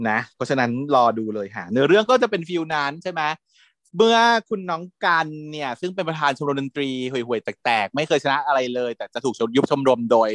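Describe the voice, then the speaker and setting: A man co-hosting a casual chat about TV series, animated and gushing as he talks. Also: medium pitch, no room sound, studio quality. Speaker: podcast co-host.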